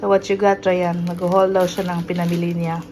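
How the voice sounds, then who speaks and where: A woman's voice: on the low side, flat delivery, brisk. A Filipino-accented woman chatting casually with her son for a family vlog, switching between English and Tagalog in an encouraging way. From Philippines. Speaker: family vlogger, mother. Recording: noisy home recording.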